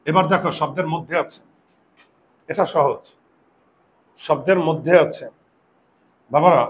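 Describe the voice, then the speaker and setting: A man with a fairly high voice teaching a classroom lesson. He explains each step slowly and keeps quizzing his students as he goes. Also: slight background noise. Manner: explanatory, asks the class questions. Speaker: Bengali grammar teacher.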